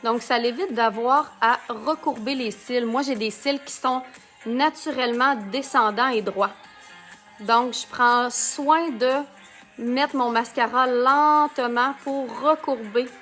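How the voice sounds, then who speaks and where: A woman's voice: fairly high pitch, slow pace, a bit bright, faint music behind. A woman from Canada with a Quebec French accent, giving a chatty live makeup tutorial and greeting viewers by name. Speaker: makeup consultant. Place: home, under a ring light.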